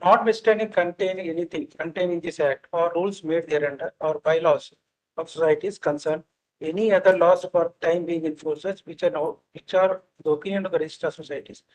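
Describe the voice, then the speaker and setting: A man with an Indian accent making oral legal submissions as senior counsel, halting and repeating his words. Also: fairly high pitch, fairly even intonation, rough recording. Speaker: senior counsel arguing in court. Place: courtroom, live-streamed hearing.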